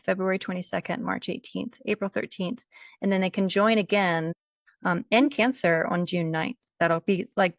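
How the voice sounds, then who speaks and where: Relaxed woman host explaining astrology. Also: fairly low pitch, no echo, studio quality. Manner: relaxed, explanatory, thinks aloud with fillers. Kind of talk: casual conversation.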